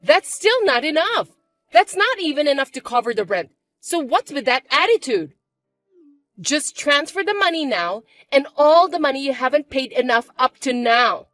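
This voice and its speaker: A woman putting on a shrill, spiteful stepsister. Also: big pitch swings, normal speed, faint music behind. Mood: mocking. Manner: shrill, mocking and shouty. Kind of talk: chat-story voice acting.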